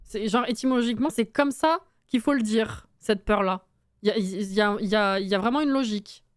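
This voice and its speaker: A woman's voice: on the high side, fairly quick, clear, resonant tone, no room sound, studio quality. A young woman chatting casually on a live stream while building in a game, reading chat aloud, swearing and laughing often.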